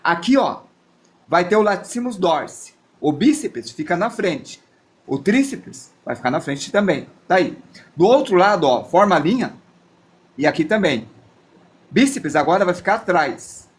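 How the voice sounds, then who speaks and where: A man leads a live drawing class. His voice sits fairly high for a man. He talks in a loose, chatty way and thinks aloud as he draws. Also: big pitch swings, unhurried. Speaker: drawing teacher. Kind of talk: live drawing lesson with chat asides.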